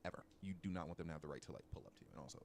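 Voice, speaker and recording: Fast-talking man with a very deep voice. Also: creaky, a little hiss or hum. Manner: mock-advice delivery with dramatic asides. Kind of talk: joking casual chat.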